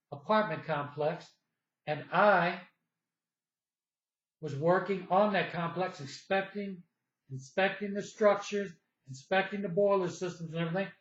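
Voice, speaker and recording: Older man, high pitch, meandering personal storyteller, roomy echo. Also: unhurried. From United States. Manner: rambling, repeats himself, acts out dialogue in the retelling. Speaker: vlogger. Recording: echoey, slightly dull room sound.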